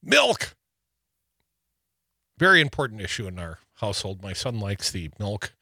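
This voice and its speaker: A man's voice: on the low side, very animated, fairly quick, bright, forceful tone, dry recording, studio quality. A man from Wisconsin co-hosting a political talk show, reading news items aloud with wry, joking asides. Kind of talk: casual political banter.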